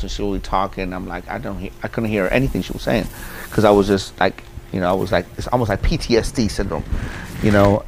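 A man's voice: fairly low pitch, creaky, a little hiss or hum. A middle-aged man in an interview, telling a personal story in a rambling way with many fillers and repeats. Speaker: interview guest.

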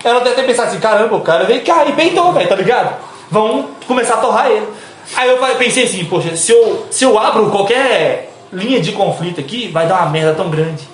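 A young man hosting a casual podcast, telling a story in a slangy, lively way and acting out the people in it. His voice sits high for a man. The room around him is echoey. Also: fast. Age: 20s. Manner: slangy, animated, laughs often, acts out voices in his stories.

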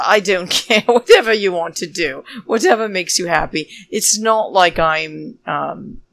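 A woman's voice: sits low, gravelly, fairly bright tone, dry recording. A woman hosting a solo podcast in a chatty, theatrical way, addressing her listeners as darlings and rambling into asides. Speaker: podcast host.

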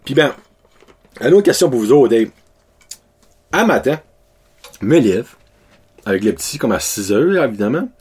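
A man in his thirties with a Québécois French accent vlogs to his followers in a loose, slangy way, dropping English words into his French. His voice is husky, and his pitch swings widely as he talks. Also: very animated, unhurried, pauses often, darkish tone. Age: 30s. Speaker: vlogger. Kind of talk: casual chat to followers.

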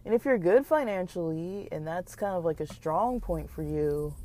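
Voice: medium pitch, lively intonation, moderate pace, darkish tone. A podcast host giving a casual, rambling, informal monologue with hesitant, meandering delivery, recorded inside a car while driving. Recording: muffled road noise inside moving car. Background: vehicle noise.

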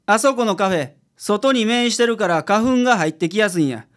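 In a community radio drama, a man plays an unflappable, easygoing private detective with a Kansai accent who explains things confidently. His high, slightly bright voice is expressive and a little fast.

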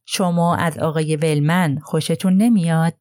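Polite, probing older detective read by a woman, measured questions, dry close voice. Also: sits low, steady tone, a little mellow, dry recording, lightly acted.

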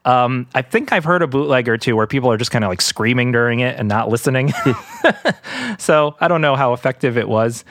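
A man's voice: mid-range voice, fairly quick, a bit bright, no room sound, studio quality. A man co-hosting a music podcast, chatting casually and laughing often. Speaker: podcast co-host.

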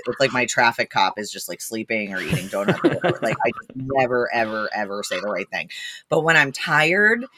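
A woman guest on a podcast, telling stories in a blunt, animated way with lots of fillers. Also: rumbling low, slight background noise. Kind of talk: casual storytelling.

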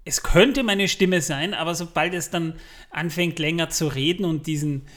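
A man with an Austrian accent co-hosting a podcast. He jokes and rambles, with plenty of fillers, in a fairly high voice. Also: moderate pace, a bit bright. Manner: joking, rambling, with many fillers. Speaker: podcast co-host. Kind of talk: casual chat.

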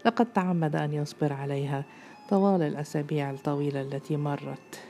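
A woman storyteller reading a literary story in a slow, measured, intimate way. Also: low voice, fairly even intonation, warm tone, soft background music.

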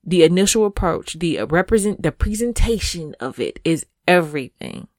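A woman's voice: lowish voice, lively intonation, normal speed, a little mellow, no echo, studio quality. A woman in her thirties chatting casually as a podcast co-host, speaking frankly and with emphasis, often checking in with "right?". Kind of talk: casual chat.

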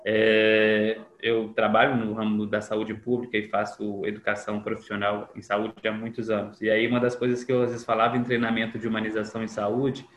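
A man's voice: fairly low pitch, monotone, brisk, few pauses, highs cut off. Man talking in an echoey room. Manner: reflective, acts out quoted dialogue. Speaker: podcast guest. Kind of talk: casual conversation. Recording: echoey room with faint noise.

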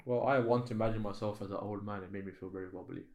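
A man co-hosting a spiritual podcast in casual chat. His voice sits low and he talks quickly. His replies are laid-back, dry and understated. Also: steady tone, creaky, darkish tone. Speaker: podcast co-host.

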